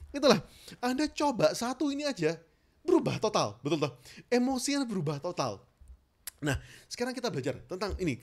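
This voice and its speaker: A self-help trainer speaks straight to the viewer in an instructional talk, coaxing them to try each exercise. The voice leaps widely up and down in pitch as it demonstrates tense and relaxed ways of speaking. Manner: animated, demonstrates tense versus relaxed speech; addresses the listener directly, coaxing.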